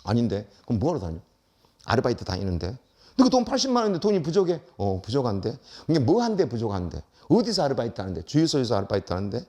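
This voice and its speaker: A man's voice: mid-range voice, wildly swooping pitch, fast talker, mellow, pitched below the performer's own voice. Sulky mumbling teenage boy, put on by a man.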